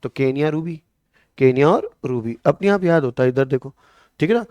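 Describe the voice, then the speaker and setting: Recorded dry, this Rajasthani coaching teacher has a fairly high, smooth voice at a moderate pace and a Marwari-flavored Hindi accent. He lectures with mnemonics and quizzes the class in a lively way, restating questions and then answering them.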